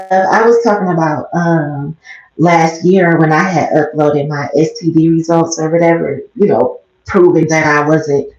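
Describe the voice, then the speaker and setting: Speaking into a headset mic held close to her mouth, a vlogger and livestreamer from the US rambles quietly in a low-key, casual way. Her voice is slightly raspy, and the small bathroom she's in makes the recording muffled and echoey.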